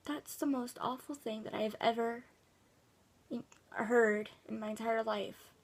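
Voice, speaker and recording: A woman vlogger with a slightly high voice talks straight to a viewer. She is earnest and shaken, and she presses her advice again and again. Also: fairly even intonation, measured pace. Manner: earnest, emphatic and upset, repeating her points. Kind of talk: casual advice vlog.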